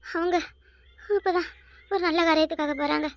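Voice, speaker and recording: A woman's voice: very high-pitched, fairly even intonation, normal speed, dry recording, studio quality. A woman voicing a young adult daughter in a cartoon, with a Kanyakumari Tamil accent, speaking weakly and pleadingly.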